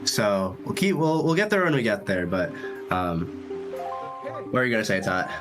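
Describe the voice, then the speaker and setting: A man's voice: fairly low pitch, very animated, normal speed, music in the background. A man co-commentating a speedrun in a playful, easygoing way. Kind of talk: casual chat.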